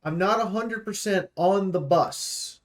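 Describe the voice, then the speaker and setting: At a measured pace, a man whose voice sits fairly high previews a game. He comes across like a streamer reviewing for an audience: casual, blunt and forceful about what he thinks.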